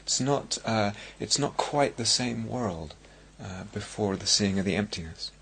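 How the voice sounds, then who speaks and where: A middle-aged man with an English accent giving a dharma talk as a meditation teacher, speaking in a reflective, halting way with many restarts. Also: lowish voice, animated, creaky, background noise. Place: meditation hall at a retreat centre.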